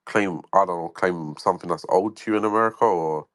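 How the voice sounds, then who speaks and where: Hesitant deep-voiced man. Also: fast talker, a bit bright, no room sound. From London, England. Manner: hesitant, curious, many fillers. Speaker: caller in an audio chat room. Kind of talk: casual chat.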